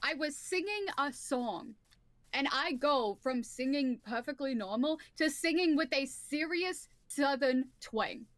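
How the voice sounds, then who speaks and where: A woman's voice: sits high, expressive, measured pace, no room sound. A woman chatting casually as a guest, explaining at length and swearing now and then. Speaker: guest on a stream. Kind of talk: casual chat.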